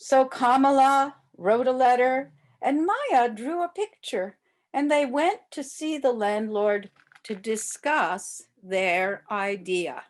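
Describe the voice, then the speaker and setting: An older woman volunteers as a storyteller, reading a picture book aloud to young children. Her voice is a little high, and she reads expressively with drawn-out emphasis.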